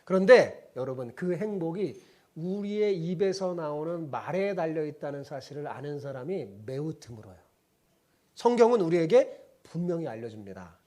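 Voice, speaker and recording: A male pastor delivers a sermon with a lively, swinging delivery. His voice sits a little high, and he keeps prompting the congregation to repeat after him. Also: moderate pace. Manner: call-and-response with congregation; folksy storytelling.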